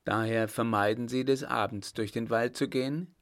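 A man's voice: mid-range voice, fairly even intonation, moderate pace, natural voice. A man voicing a stern, imperious emperor in an audiobook, snapping out short, clipped questions. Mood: curt, demanding. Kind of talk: audiobook character voice.

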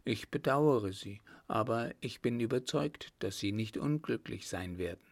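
A man's voice: mid-range voice, animated, a little slow, creaky. A man reading an audiobook, voicing a teasing, composed young noblewoman in a raised, playful voice. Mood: gently lecturing. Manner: lightly mocking, playful.

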